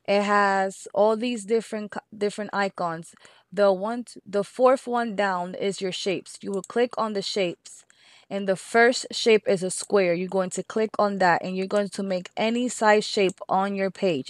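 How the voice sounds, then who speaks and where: A woman with a Spanish accent walks the listener through a screen-recorded craft tutorial, patient and methodical. She reads each measurement out slowly and plainly. The voice sits at an ordinary middle pitch and sounds dry and close to the mic. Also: no echo. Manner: patient, repeats steps and numbers slowly. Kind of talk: step-by-step software tutorial.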